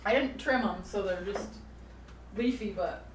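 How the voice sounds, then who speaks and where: A woman chatting casually while she cooks, upbeat and quick with a laugh. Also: medium pitch, noisy background. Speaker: co-host. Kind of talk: casual chat while cooking. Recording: echoey room, mic far off.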